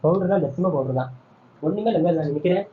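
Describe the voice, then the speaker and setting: A man's voice: high-pitched, fast talker, phone-quality sound, a little hiss or hum. A man hosting a home prank video, teasing and coaxing his wife in casual banter.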